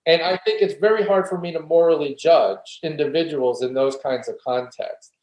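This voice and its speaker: This man's voice is fairly high and darkish in tone, moving at a normal pace. He appears as a philosophy guest in a conversational interview, earnestly working through his reflective argument one step at a time, with roomy echo around him.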